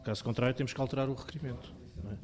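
A man's voice: mid-range voice, fairly even intonation, very fast, a little mellow. A man with a European Portuguese accent chairing a parliamentary committee meeting, formally calling speakers and running votes.

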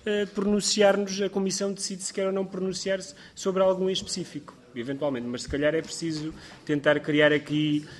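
A man's voice: high voice, little pitch movement. A man with a European Portuguese accent, a member of parliament, debating in committee and thinking aloud. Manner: quick, thinking aloud, self-correcting.

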